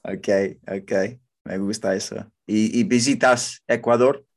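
A man's voice: lowish voice, steady tone, slow pace. A man interviewing casually, curious and asking lots of short follow-up questions. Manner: curious, asks many short questions, encouraging fillers.

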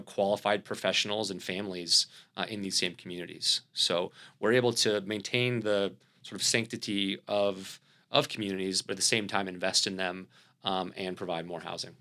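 Bright-voiced Southern man pitching. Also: steady tone, fairly quick. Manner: fluent pitch with many fillers and restarts. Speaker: company CEO guest. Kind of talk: conversational podcast interview.

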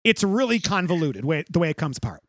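A man's voice: on the high side, big pitch swings, no room sound, studio quality. A man hosting a podcast, chatting about a movie and laughing often, then leading the ratings segment. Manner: quick to laugh, runs the segment. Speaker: podcast host. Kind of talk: casual movie discussion.

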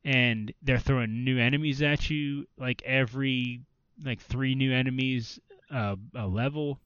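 A man chatting casually on a podcast, rambling and filling his sentences with "like". His voice is smooth and clean, recorded dry and a little dull. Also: mid-range voice, fairly even intonation, measured pace, a bit bright, no room sound. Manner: rambling, filler-heavy, restarts often. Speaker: podcast co-host. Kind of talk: casual chat about video games.

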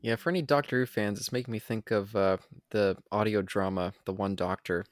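A man's voice: fairly low pitch, steady tone, fairly quick, dry recording, clean studio sound. A man giving casual, joking film commentary with friends in an irreverent, crude, sweary way.

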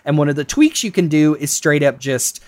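A man's voice: on the high side, expressive, moderate pace. A man co-hosting a podcast, rambling casually with lots of laughs, fillers and restarts. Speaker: podcast co-host. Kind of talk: casual chat about games.

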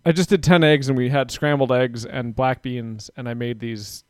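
A man's voice: medium pitch, fairly even intonation, normal speed, a little mellow, clean tone, no room sound. Guy rambling on a podcast, lots of likes and ums, dry close sound. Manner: rambling, filler-heavy, restarts often. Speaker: podcast host. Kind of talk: casual chat.

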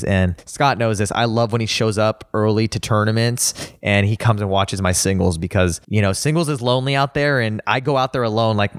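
A young man, chatting casually as an interview guest, relaxed and rambling, dropping "dude" and "like" often. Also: fairly low pitch, smooth, no echo, clean studio sound. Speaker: guest, pro pickleball player.

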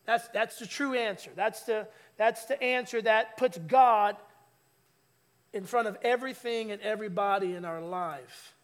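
A man's voice: high voice, unhurried. A man preaching a conversational sermon in church, teasing the congregation and calling for their replies. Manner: lively, teasing, calls for audience replies. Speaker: pastor. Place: church sanctuary.

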